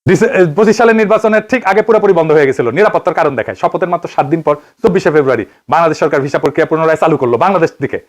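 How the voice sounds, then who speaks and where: A man's voice: a little high, very fast, hardly any pauses. A man from Bangladesh with a Bangladeshi Bengali accent, giving an investigative political commentary monologue, firing rhetorical questions and answering them himself.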